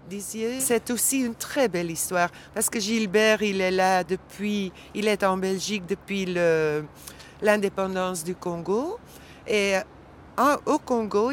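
A man with a high voice talks slowly and conversationally outdoors at a city station, pausing to find his words. Faint traffic noise sits behind him. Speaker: commentator.

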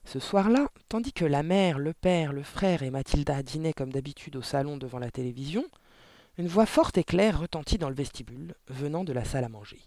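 Animated male storybook narrator. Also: on the high side, fairly quick, no echo. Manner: animated, theatrical reading. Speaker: audiobook reader.

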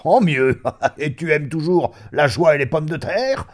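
A man voicing a boisterous, vulgar male old schoolmate who boasts loudly and laughs through his words, in a story reading. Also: lively intonation, unhurried. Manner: loud, laughing, booming exclamations. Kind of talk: audiobook reading of a classic story.

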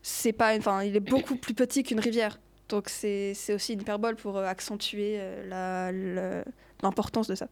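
A woman's voice: medium pitch, fairly even intonation, normal speed, a little mellow. A teenage girl co-hosting a student show, explaining her poem with hesitant, stumbling restarts. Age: teens. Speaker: student co-host.

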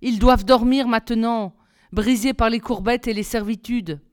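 A woman reading aloud, voicing an eager, cheerful young prince in a lively, raised voice. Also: on the high side, moderate pace, clear, resonant tone, lightly acted. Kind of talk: storybook reading.

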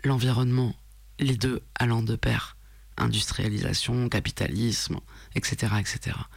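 Gravelly, hesitant man in dry sound. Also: medium pitch, steady tone, normal speed, no room sound. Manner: hesitant, thoughtful, with fillers. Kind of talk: casual discussion.

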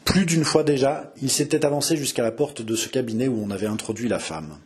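Male audiobook narrator, measured expressive storytelling, mid-range voice. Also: mid-range voice, breathy edge.

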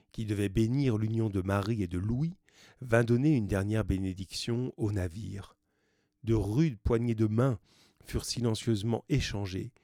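Guy reading a classic novel aloud, steady measured pace, lowish voice. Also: no echo, studio quality. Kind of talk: audiobook narration.

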